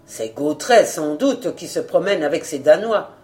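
A woman's voice: animated, unhurried, mellow. Woman doing a firm older male detective. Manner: low, firm, scolding.

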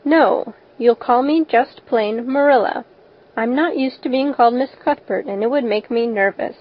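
A woman's voice: a little high, normal speed, close to an everyday voice. A woman voicing a stern, practical older guardian in an audiobook, firm and matter-of-fact, on a slightly dull recording. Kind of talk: audiobook character voice.

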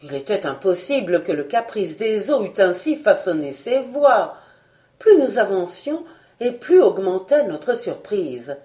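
Woman narrator, audiobook adventure reading, animated melody. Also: medium pitch, unhurried. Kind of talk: reading an adventure novel aloud.

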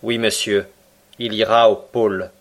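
A man reading the lines of a calm, ironic submarine captain in a French audiobook, slow and measured. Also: on the low side, natural voice. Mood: cool, ironic. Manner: cool, measured, slow and deliberate.

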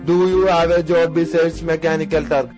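A man co-hosting a radio show, reading scripted lines in a flat, read-aloud way. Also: a little high, a little fast, music in the background.

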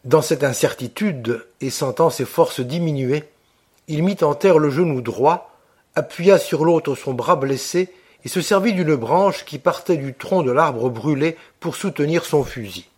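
A man reads a classic novel aloud at a slow, steady pace. His voice sits fairly high, and he keeps the narration measured and deliberate. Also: breathy edge. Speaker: audiobook reader. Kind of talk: literary audiobook narration.

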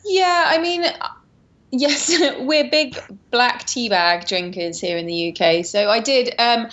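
A woman's voice: fairly high pitch, lively intonation, takes it slowly, a bit bright, highs cut off. A woman from Surrey with a Home Counties English accent chats casually as an interview guest, explaining things in a loose, hedging way. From Surrey, England. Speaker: interview guest, tea company founder.

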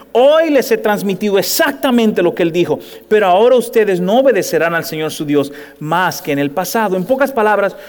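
A male pastor preaching a sermon in lively, conversational Spanish, often asking the congregation if they follow him. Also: sits high, in a large hall. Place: church sanctuary.

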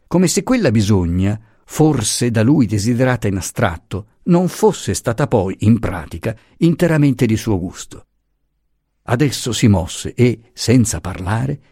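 A male audiobook reader with a raspy, fairly low voice, reading a classic novel expressively. His pitch swings widely from phrase to phrase, and the recording sounds dry and close. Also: dark tone, no room sound. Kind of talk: literary audiobook narration.

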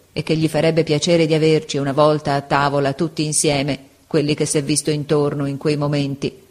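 Brief: a stirred, proud veteran soldier, middle-aged man, read by a woman, fervent audiobook delivery, lower voice. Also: darkish tone. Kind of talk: audiobook reading.

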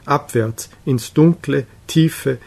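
A grave, solitary prophet speaking slowly and with calm weight, as a man reads him aloud. His speech is measured and solemn, with unhurried pauses in an audiobook reading. The voice sits at an ordinary middle pitch for a man. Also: gravelly.

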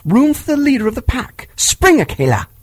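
Man reader doing taunting wolf-pack shouts, pitched high, husky edge. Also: wildly swooping pitch, normal speed, no room sound, heavily acted. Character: pack of howling young wolves.

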